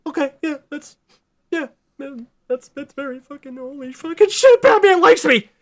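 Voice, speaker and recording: A man voicing Barry as a giddy, flustered young man, squeaky and stammering with excitement. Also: moderate pace. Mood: starstruck.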